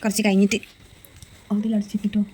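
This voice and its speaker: A woman's voice: mid-range voice, level tone, brisk, noisy background. Chatty woman vlogging at home. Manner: chatty, addresses viewers directly. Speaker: vlogger, young mother. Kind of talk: casual vlog talk to viewers. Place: family home indoors.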